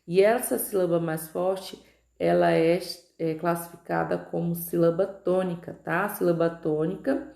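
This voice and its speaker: A Brazilian Portuguese woman teaching a recorded grammar lesson, drawing out example words slowly and often checking in with her students. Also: lowish voice, creaky, darkish tone. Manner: slow, stretched-out pronunciation of example words, frequent "tá?" checks. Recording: echoey room.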